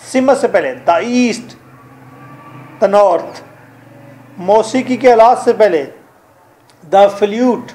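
High-voiced Pakistani teacher drilling grammar. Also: male voice, darkish tone. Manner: drills rules, quizzes students. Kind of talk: classroom grammar lesson.

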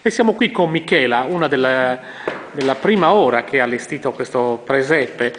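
A man's voice: medium pitch, expressive, moderate pace, a bit bright, a little hiss or hum. A man interviewing volunteers inside a large church, asking prompting questions. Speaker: interviewer, reporter. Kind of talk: casual on-site interview. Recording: reverberant church.

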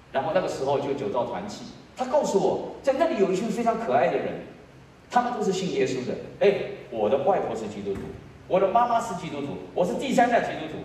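A man in his sixties, a pastor, giving a sermon with a personal testimony, swinging between hushed low lines and loud, high emotional peaks. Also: a little hiss or hum. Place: church sanctuary. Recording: echoey church hall, voice from far off.

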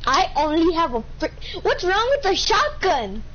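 Slow, lively high-voiced woman teammate. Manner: slow, mock-dramatic outrage. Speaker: teammate in the game. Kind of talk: casual gaming chat. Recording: lo-fi with faint noise.

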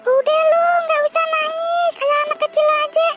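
Squeaky nagging cartoon wife, put on by a woman, Jakarta Betawi accent, very high and shrill. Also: level tone, music in the background. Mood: scolding. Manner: nagging, shrill, fast scolding. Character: scolding young wife of a sick man.

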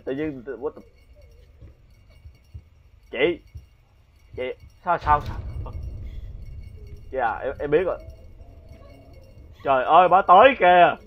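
A man gives casual let's-play commentary on a horror game, his voice sitting a little high. He is jumpy, yelps and shouts when startled, and mutters as he reads. It sounds slightly dull and lo-fi, like a cheap home mic. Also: breathy edge. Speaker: gamer playing a horror game.

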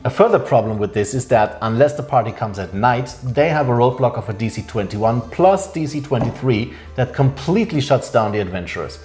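A man in his thirties co-hosting a game review, critiquing its flaws in a measured way in a small indoor room. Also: mid-range voice, expressive, a little mellow, faint music behind. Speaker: co-host reviewing a game adventure. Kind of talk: casual review chat.

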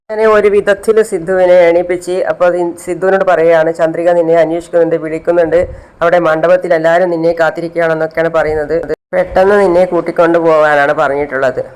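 A man recaps a TV serial episode in a relaxed, spoken storytelling way. His voice sits a little high for a man and sounds smooth and clear. He talks steadily and plainly, with the odd hesitation sound. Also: quick pace, rough recording. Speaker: channel host recapping a TV serial.

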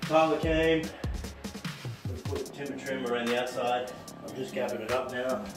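A middle-aged tradesman presents a renovation video from a small tiled bathroom being redone, offering casual, practical how-to tips in short plain phrases as he works. His voice is medium in pitch and moderate in pace. Picked up by a camera a few steps away, the audio has a roomy echo and music in it.

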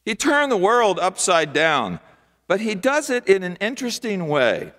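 An older man preaching a sermon from a church pulpit, with rhythmic, repetitive phrasing and emphatic pauses. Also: high-pitched, big pitch swings, a bit bright. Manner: gestures broadly with both hands while preaching. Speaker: pastor. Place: large church sanctuary, at a wooden pulpit. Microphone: pulpit microphone. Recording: long church hall reverb.

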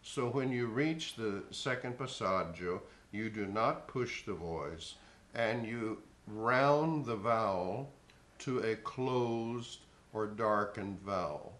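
A man giving a spoken vocal lesson in a slow, measured, instructive way. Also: fairly low pitch, lively intonation, fairly bright tone. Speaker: voice teacher. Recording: echoey room.

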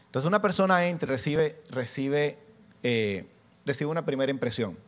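A man preaching to a church congregation, animated, asking the listeners questions and acting out little scenes as he teaches. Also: medium pitch, normal speed. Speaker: pastor.

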